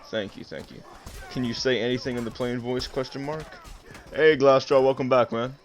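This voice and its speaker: A man's voice: mid-range voice, steady tone, moderate pace. A man hosting a stream, playing a game while chatting and laughing, often reading viewer messages aloud. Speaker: streamer host. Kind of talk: casual stream chat while gaming.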